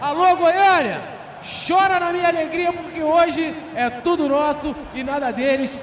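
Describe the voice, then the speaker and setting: A man's voice: very high-pitched, steady tone, unhurried. A Brazilian man giving exuberant, slangy football commentary full of repeated catchphrases. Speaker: football commentator reacting after goals. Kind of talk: excited colloquial match commentary. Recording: echoey, with faint noise and crowd. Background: stadium crowd.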